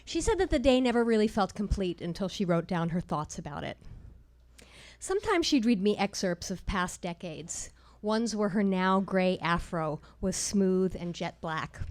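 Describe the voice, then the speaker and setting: A woman telling a personal story at a live storytelling show, wry and measured with dry comic timing. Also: mid-range voice, a little mellow.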